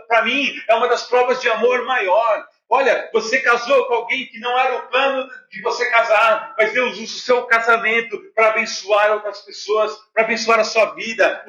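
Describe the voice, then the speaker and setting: A middle-aged Brazilian man preaching a sermon with a Brazilian Portuguese accent, animated and conversational, telling personal stories to his congregation. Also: extremely high pitch. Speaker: pastor. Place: church hall. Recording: echoey church, dull lo-fi sound.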